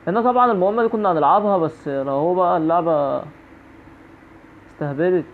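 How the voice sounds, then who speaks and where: A man's voice: high voice, fast talker, slight background noise. A man with an Egyptian Arabic accent giving jumpy horror-game commentary, repeating phrases over and over. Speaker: gaming YouTuber. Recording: tinny phone-like audio.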